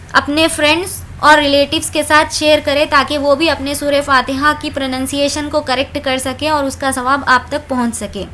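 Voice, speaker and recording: A woman teaching recitation, patiently explaining each rule and then reciting the verses slowly. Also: high-pitched, bright, forceful tone. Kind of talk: tajweed lesson with slow recitation.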